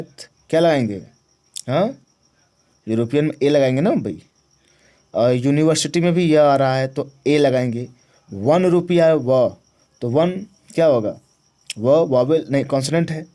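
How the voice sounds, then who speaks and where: Mellow and medium in pitch, this man's voice carries a grammar lesson for students preparing for exams. He asks questions only to answer them himself, repeats the important words, and makes sure the class understands.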